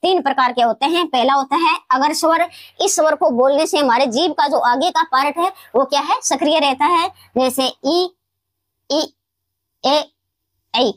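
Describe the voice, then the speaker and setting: A woman teacher explaining grammar in a classroom lesson, repeating key words slowly and answering her own questions. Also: high voice, dry recording. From Rajasthan, India. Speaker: Hindi teacher.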